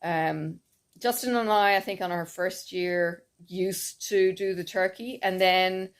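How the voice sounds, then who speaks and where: A woman's voice: on the low side, fairly even intonation, slow. A woman chatting in a casual, rambling way and laughing often as she talks. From Ireland. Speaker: cross-stitch vlogger. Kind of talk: casual chat.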